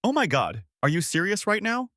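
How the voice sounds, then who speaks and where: A man's voice: high-pitched, big pitch swings, moderate pace, sharp tone, no echo, studio quality, voice pushed up, full character voice. A man voicing a heated young girlfriend. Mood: defensive. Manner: heated, accusing. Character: defensive angry young woman girlfriend.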